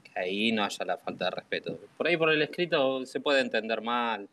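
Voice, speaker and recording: A man's voice: medium pitch, animated, brisk, fairly bright tone. A man with a Rioplatense Spanish accent, chatting casually and rambling about a game over voice chat. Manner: rambling, repeats "¿me entendés?". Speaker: gamer chatting with a streamer.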